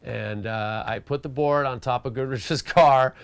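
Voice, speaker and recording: A pro skateboarder tells a casual anecdote, animatedly acting out the quoted dialogue and peppering his speech with "you know" and "like." His voice is medium-pitched, measured in pace, clear and resonant with some vocal fry, and there is no room sound.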